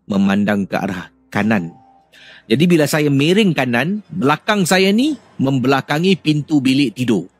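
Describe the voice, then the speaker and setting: A man hosting a radio show, reading out listener ghost stories in an animated, suspenseful way. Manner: animated, with sudden rises in pitch and loudness for suspense.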